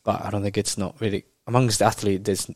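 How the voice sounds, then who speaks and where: Male guest from Japan, native Japanese speaker, low voice, dry close sound, halting casual talk peppered with Kiwi slang. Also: level tone, no room sound. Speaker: podcast guest, rugby player. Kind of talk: casual interview chat.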